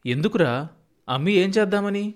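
A man voicing a proud, stubborn old farmer grandfather who speaks in a gruff, folksy village way. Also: high voice, animated, normal speed, pitched above the performer's own voice. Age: older.

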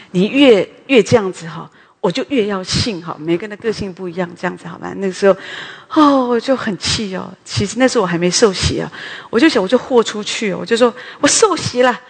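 A middle-aged woman giving a personal testimony sermon at a prayer meeting, chatty and often ending phrases with a soft "ha". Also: medium pitch, creaky, slightly rough. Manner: conversational, tags sentences with a soft "ha". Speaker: preacher at a women's morning prayer meeting. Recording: long hall reverb.

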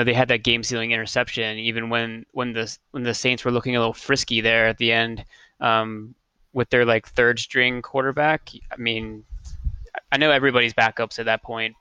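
Co-host: man, bright clear voice, steady flat delivery, dry sound, analytical. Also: medium pitch, dry recording. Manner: measured, analytical, repeats words. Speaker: podcast co-host. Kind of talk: casual sports podcast chat.

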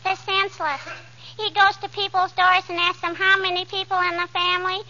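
A woman's voice: extremely high pitch, little pitch movement, brisk, gravelly, bright, forceful tone, heavily acted. An American woman playing a cheeky, pestering little girl in 1940s radio comedy, with a childish, contrary, singsong delivery. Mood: pestering, know-it-all. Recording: dull, faintly noisy vintage radio recording.

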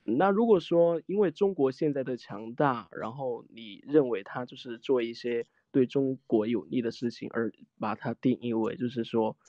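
A man's voice: medium pitch, moderate pace, few pauses, mellow, dry recording. Defensive man on a dull line. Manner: hesitant, defensive. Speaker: debate participant. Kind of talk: heated debate.

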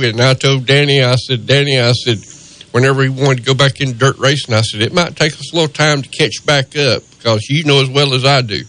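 A man's voice: medium pitch, fairly bright tone. Folksy older Southern man, rambling along. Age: middle-aged or older. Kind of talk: casual chat.

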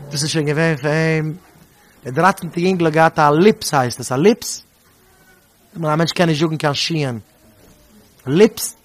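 A man telling stories in a sermon, animated and emphatic, often repeating his phrases. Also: fairly high pitch. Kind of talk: storytelling sermon.

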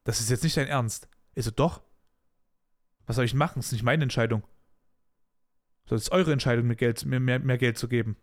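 This host's voice sits in the mid range, and he talks fairly quickly but leaves long pauses. On his podcast he bluntly, animatedly recounts a workplace dispute from his own career, speaking casually with colloquial asides.

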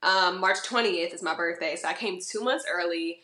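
This playful, animated guest from Georgia, who models and makes music, trades stories in a relaxed podcast interview, dropping into little voices along the way. She speaks at a normal pace in a bright, crisp voice on the low side, and the room is echoey.

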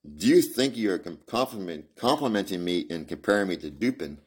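A man's voice: sits low, lively intonation, brisk, a little mellow, breathy edge. A man reading the lines of a conceited, brilliant male detective who lectures scornfully in a storybook reading. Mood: mocking.

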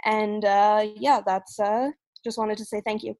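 Woman, soft and earnest, sharing on a group call; dry close sound. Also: mid-range voice, level tone, unhurried, no echo, rough recording. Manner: soft-spoken, earnest, gets emotional. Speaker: session drummer at a virtual meetup. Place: apartment. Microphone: video call.

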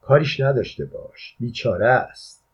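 A man's voice: medium pitch, creaky, slightly rough. A man reading an audiobook, voicing a teasing, coaxing woman in his own plain voice, on a dull lo-fi recording. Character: teasing, flirtatious woman at a fence.

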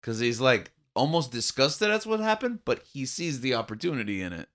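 A man co-hosting a casual podcast at an ordinary male pitch. He talks earnestly and emphatically and states firm opinions. His delivery is conversational and unhurried. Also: very animated, a bit bright. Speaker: podcast co-host. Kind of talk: casual chat.

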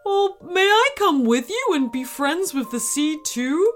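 A woman voicing a lonely, gentle young male stegosaurus in a children's storybook, with a wistful, pleading tone. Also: sits high, lively intonation, unhurried, faint music behind, voice pushed up. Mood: hopeful.

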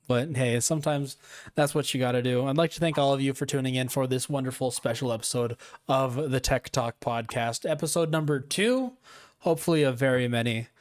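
A young man hosting a casual podcast, talking at an everyday pitch. He rambles, makes fun of himself and laughs easily. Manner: rambling, self-mocking, laughs often. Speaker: podcast host.

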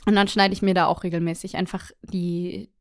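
A young woman in casual chat, telling anecdotes in a lively, colloquial way with frequent tag questions. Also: on the low side, a little fast, clean tone. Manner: chatty, animated, colloquial, many tag questions.

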